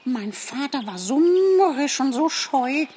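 A woman voicing a cheerful, talkative young squirrel in an audiobook, eager and polite. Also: takes it slowly. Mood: chatty. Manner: eager, talkative, high and lively. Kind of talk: audiobook character voice.

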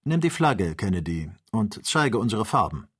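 A man voicing a calm, learned male doctor leading a balloon journey, in an audiobook reading. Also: lowish voice, moderate pace, husky. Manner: calm, explanatory.

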